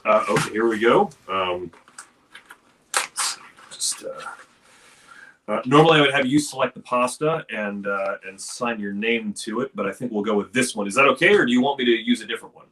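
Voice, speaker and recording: A man's voice: on the low side, moderate pace, fairly bright tone, far from the mic. A man doing a magic trick on a video call, chatting casually with many fillers. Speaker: magician guest.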